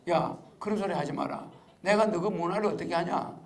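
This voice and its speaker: A man's voice: high-pitched, fairly quick, gravelly, pitched below the performer's own voice. A man quoting a stern male God who bluntly scolds a man he sees through. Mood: scolding.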